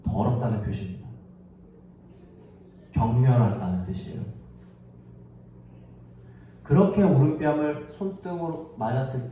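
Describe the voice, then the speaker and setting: A male pastor preaching a sermon in an animated way, asking his listeners question after question. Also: mid-range voice, a little hiss or hum. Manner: animated, asks the congregation many questions. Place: large echoey worship room. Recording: very echoey, distant, dull sound.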